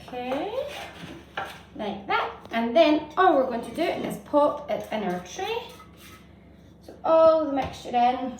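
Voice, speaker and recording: A woman's voice: sits high, animated, slow. A woman hosting a baking demonstration for children, giving simple, encouraging step-by-step instructions. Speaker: host of a children's baking show. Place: indoor home kitchen. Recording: echoey noisy kitchen, distant mic, utensil clatter.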